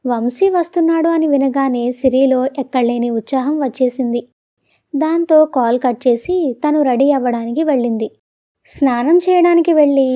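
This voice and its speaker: High-voiced woman storyteller. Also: dark tone. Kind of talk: scripted narration.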